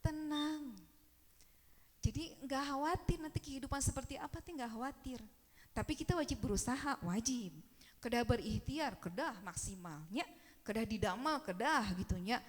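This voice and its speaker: A woman with a Sundanese accent giving a casual, lively Quran study talk, acting out little everyday scenes as she teaches. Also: a little high, in a large hall.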